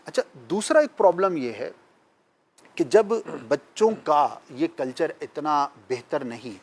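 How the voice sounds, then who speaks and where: A man's voice: fairly high pitch, expressive. A man, a talk-show guest, patiently lecturing with emphatic examples. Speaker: guest speaker. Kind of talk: explanatory talk-show discussion.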